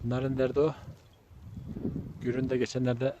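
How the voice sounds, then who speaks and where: A man's voice: medium pitch, level tone, moderate pace, muffled recording. A man filming a casual vlog outdoors in the snow at his kennel, chatting to viewers and talking sweetly to his dogs. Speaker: dog breeder showing his kennel. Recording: noisy outdoor recording.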